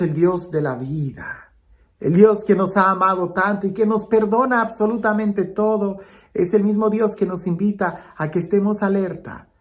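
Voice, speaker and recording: This priest's high male voice carries an Advent homily that unfolds slowly and dramatically, swinging from emphasis to hushed tones.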